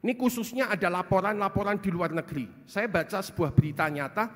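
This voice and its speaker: A male pastor preaching a sermon in a church hall, animated storytelling and acting out quotes. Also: high-pitched, a little fast. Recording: long church hall reverb.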